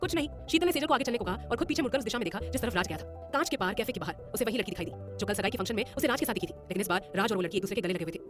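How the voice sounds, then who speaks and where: Brisk woman narrating an audio drama. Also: mid-range voice, music in the background. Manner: brisk, expressive.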